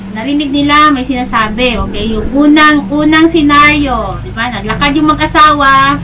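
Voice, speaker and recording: A woman's voice: high voice, distant mic, background noise. A woman mentoring business people in a chatty, motivational talk, checking in with her listeners after every few phrases.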